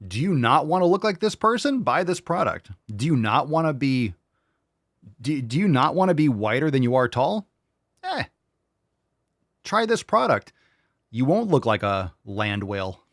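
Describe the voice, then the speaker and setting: A man hosting a live commentary show, crude and mocking as he reacts. His voice jumps around a lot in pitch. The sound is dry and close, with no room around it. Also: big pitch swings, normal speed, no echo. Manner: blunt, profane, mocking. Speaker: show host.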